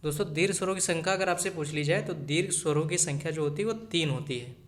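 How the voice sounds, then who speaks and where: Higher-voiced man teaching, repeating key points. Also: fast talker. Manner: repeats key points, addresses viewers as friends. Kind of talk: exam-prep lecture.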